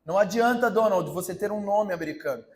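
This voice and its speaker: A man's voice: high-pitched, quick pace, close to an everyday voice. A man voicing a stern, clipped female immigration officer in a sermon illustration, dry and dismissive. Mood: curt stern.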